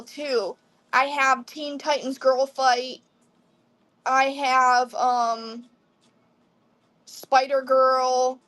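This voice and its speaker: On a casual livestream where she sells online, a woman in her twenties from the Midwest responds to viewer comments in a high, slightly bright voice.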